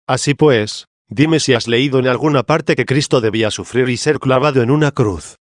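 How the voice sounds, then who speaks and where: Audiobook: a man voicing the Synagogue as a challenging woman, mid-pitched, argumentative and questioning, dry close sound. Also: normal speed, no room sound, close to an everyday voice. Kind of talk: audiobook reading of a theological dialogue.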